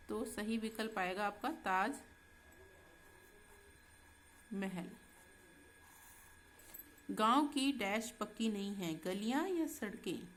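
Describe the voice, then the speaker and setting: A woman teacher going through textbook exercises with students in a slow, patient way, often checking in as she goes. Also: medium pitch, slight background noise. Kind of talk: Hindi textbook exercise lesson.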